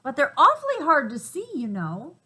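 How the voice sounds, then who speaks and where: A woman's voice: high voice, wildly swooping pitch, moderate pace, sharp tone, pitched above the performer's own voice, exaggerated voice. A woman voicing eager, busy little female monkeys in a storybook reading. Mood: harried.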